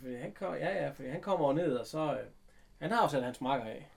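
A man chatting casually, retelling an episode with animated bits of acted dialogue. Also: a little high, creaky, slight background noise. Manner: animated retelling, acting out characters' lines. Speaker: recapping a TV episode. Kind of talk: casual chat.

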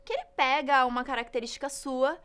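High-voiced cheerful woman. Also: a little fast, a bit bright, smooth. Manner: cheerful, laughs often, explains terms. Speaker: English teacher and channel host. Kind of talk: casual chat.

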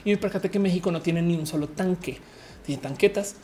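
Speaking brisk and mellow on the low side, this Colombian host based in Mexico rambles through casual livestream commentary with her viewers. Fillers and restarts abound, and there's slight background noise.

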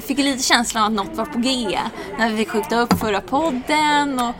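A woman co-hosts a relaxed podcast, asking curious questions in a playful way. Her voice sits somewhat high for a woman. She laughs easily between her questions. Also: over music. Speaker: podcast co-host. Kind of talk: casual podcast interview.

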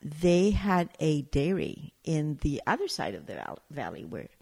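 A woman's voice: sits low, wildly swooping pitch, unhurried, creaky, darkish tone, slightly rough. A woman from Chile, a winery owner chatting as an interview guest, telling stories and searching for words as she goes. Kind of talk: casual interview chat.

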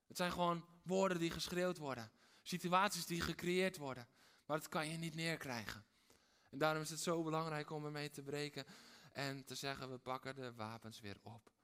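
A male pastor preaches with a voice pitched a little above most men's. He moves between quiet, intimate lines and loud, fervent ones, and he hammers his points home with repeated phrases. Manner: dramatic, swings between hushed and loud. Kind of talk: sermon.

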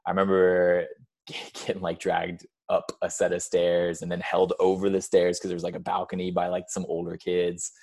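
Laid-back, very deep-voiced man. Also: monotone, moderate pace, a little mellow. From California. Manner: laid-back, laughs often, says "like" and "dude" a lot. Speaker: podcast guest. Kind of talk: casual chat.

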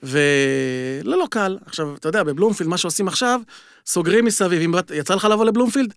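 A man with a high, light voice tells stories with a lively, animated delivery. He is chatting casually on a sports podcast. His voice sounds dry and close to the mic. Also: no room sound. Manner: animated storyteller. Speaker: podcast panelist.

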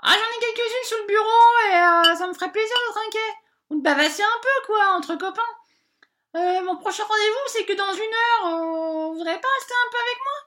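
Brief: a woman playing a hapless female bank adviser, very high bright voice, rambling and hesitant. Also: brisk. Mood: apologetic, lonely. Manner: rambling, hesitant, full of filler sounds. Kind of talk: comic character monologue.

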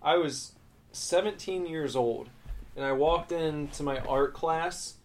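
A man's voice: on the high side, slow. A young adult man co-hosting a podcast, telling a school story in rambling casual chat, with swearing and growing heat. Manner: rambling, profane, heated when recounting conflict. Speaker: podcast co-host.

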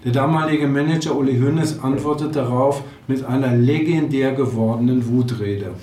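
A man's voice: medium pitch, moderate pace, warm tone. A man reading from his book in a bar, with hesitations and fillers, sometimes breaking off into loose asides. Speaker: author giving a reading. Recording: roomy bar, distant mic, faint ambience.

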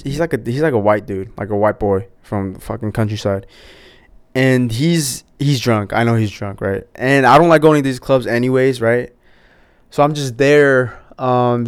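Laid-back young man with a smooth voice. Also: mid-range voice, dry recording, studio quality. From United States. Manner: laid-back, profane, many fillers and restarts. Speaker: podcast host. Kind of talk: casual storytelling.

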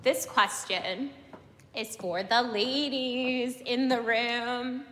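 An actress playing a young woman defense lawyer addressing a jury in a TV comedy, with a millennial vocal fry. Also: fairly high pitch, fairly even intonation, drawn-out words, a bit bright, in a large hall, slight background noise. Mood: improvising, earnest. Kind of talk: television comedy acting.

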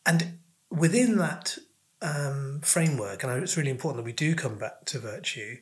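Careful, deliberate male interviewer. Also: mid-range voice, expressive. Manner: deliberate, careful phrasing in fragments. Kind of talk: probing conversational interview.

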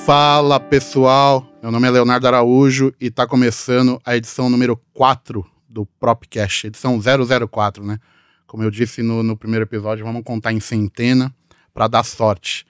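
A man's voice: mid-range voice, level tone, normal speed, clean tone, no echo, studio quality, faint music behind. Chatty Brazilian man, closely recorded. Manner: informal, chatty. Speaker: podcast host, journalist. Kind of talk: casual podcast hosting.

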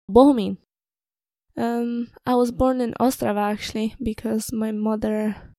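A young woman with a fairly high, mellow voice hosts a casual personal podcast, sounding slightly nervous, hesitant and informal, in a dry recording. Czech is her first language; she is from the Czech Republic and moved to Ireland at twelve.

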